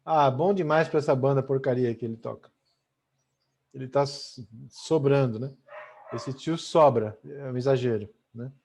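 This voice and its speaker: Speaking at a normal pace in a mid-range, darkish voice, this middle-aged man teaches a chatty online language class with a Brazilian Portuguese accent. Nearly every line ends in "né?", and the video call audio comes through muffled.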